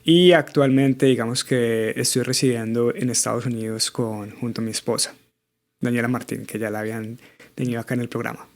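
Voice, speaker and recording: Speaking a little fast in a steady, medium-pitched tone, a Bogotá-accented Colombian man in his thirties answers interview questions as a guest. The exchange is conversational, and his thoughtful replies are full of small fillers.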